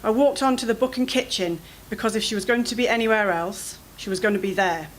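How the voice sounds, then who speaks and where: A woman reading her own first-person fiction aloud at a literary event, in an expressive, anxious storytelling manner. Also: fairly high pitch, fast, slight background noise, rough recording.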